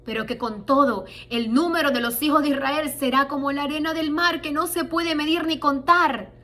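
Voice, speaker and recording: A woman's voice: high voice, steady tone, moderate pace, a bit bright. A woman preaching a sermon, asking rhetorical questions and reading scripture with emphasis.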